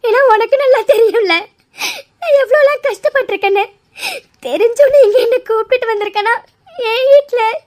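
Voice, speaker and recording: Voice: extremely high pitch, brisk, darkish tone. A voice actor playing a hurt, angry young woman in a cartoon who is bitter and tearful, with her voice breaking.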